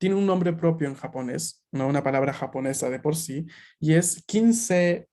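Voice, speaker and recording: A man's voice: medium pitch, fairly quick, dark tone. A man teaching a beginners' Japanese class over a video call, explaining patiently with frequent check-in questions. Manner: explanatory, many filler checks. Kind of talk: online language class.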